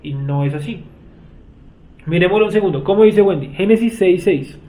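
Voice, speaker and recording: A Colombian man teaches a Bible study class in a voice that sits high with a dark tone, speaking at normal speed. He explains what words mean and often questions his students, and the recording sounds echoey and tinny, like a phone.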